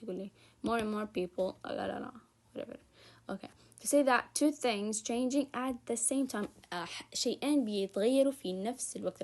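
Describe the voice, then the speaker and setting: A young woman with a Hijazi Arabic accent talks through a grammar lesson for fellow students. She sounds relaxed and informal. She lingers on each example word and then hurries through her explanations. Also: medium pitch. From Saudi Arabia. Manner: stretches examples slowly, rushes through asides. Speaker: student tutor. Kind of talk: casual recorded grammar lesson.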